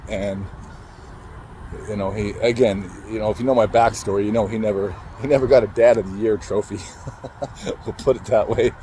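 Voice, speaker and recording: A man telling a painful personal story in a halting, emotional way, cursing casually and restarting his sentences as he goes. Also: lowish voice, fairly even intonation, dark tone, slight background noise, rough recording. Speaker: motivational speaker.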